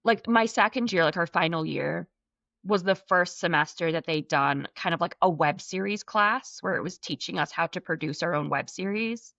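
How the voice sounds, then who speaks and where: Woman, Scottish-American accent, low gravelly voice, dry dull recording. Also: normal speed, a bit bright, dry recording. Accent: Scottish mixed with American. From North East Scotland. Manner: chatty, many "like" and "um" fillers. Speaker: guest actress. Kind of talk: casual interview chat. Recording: dull lo-fi sound.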